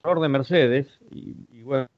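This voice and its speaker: A man's voice: medium pitch, normal speed, no echo, dull audio. A man speaking as a remote panelist in casual chat, his internet call audio choppy and breaking up. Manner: repeats hellos, checking he is heard. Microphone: remote call mic.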